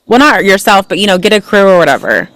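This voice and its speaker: A woman's voice: mid-range voice, sing-song, fast talker, fairly bright tone, no room sound, poor audio. A woman hosting a casual chat, laid-back and slangy. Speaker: host.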